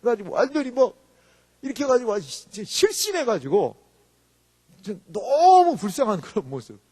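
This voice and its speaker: A male pastor giving an animated sermon, acting out quoted voices and rising to shouts. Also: very high voice, normal speed, husky. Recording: long reverb of a hall.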